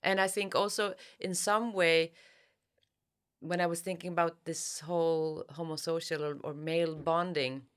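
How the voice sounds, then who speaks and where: Her voice is deep, smooth, and level in tone. She is a Swedish-accented author from Sweden who halts and hunts for words while giving thoughtful interview answers or reading aloud from her own novel.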